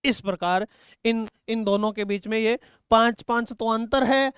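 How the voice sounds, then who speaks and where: Man, Hindi grammar teacher, high pitch, smooth clear voice, repeats key terms, dry close sound. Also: fairly even intonation, fairly bright tone, dry recording. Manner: repeats key words slowly, addresses students as "beta". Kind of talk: exam-prep grammar lesson.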